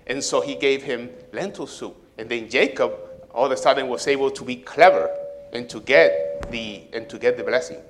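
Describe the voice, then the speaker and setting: Animated man telling children a story. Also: a little high, slight background noise. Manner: animated, asks children questions, acts out quoted voices. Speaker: pastor giving a children's message.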